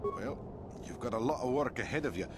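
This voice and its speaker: A man's voice: mid-range voice, expressive, a little fast, background noise, lightly acted. A man voicing a weary sandcrawler worker in a game. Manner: tired, relieved, warning. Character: weary male sandcrawler worker under siege. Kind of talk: video game dialogue.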